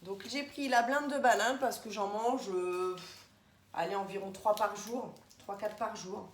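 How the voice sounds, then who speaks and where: A woman's voice: mid-range voice, fairly even intonation, a little slow. A woman chatting casually through a grocery haul vlog, rambling and addressing viewers directly. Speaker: vlogger. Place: home, indoors. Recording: echoey room, faint background noise.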